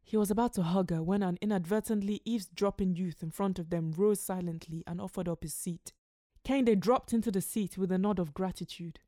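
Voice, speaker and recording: A woman reading a literary short story aloud in a measured, expressive narrating voice. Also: mid-range voice, dry recording, studio quality. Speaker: story reader.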